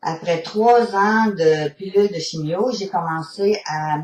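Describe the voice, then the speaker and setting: A woman's voice: lowish voice, a little slow, darkish tone. A woman with a Québécois accent giving a hesitant, filler-filled testimonial, recorded from a distance in a roomy space. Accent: Québécois French. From Quebec. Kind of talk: spoken testimonial.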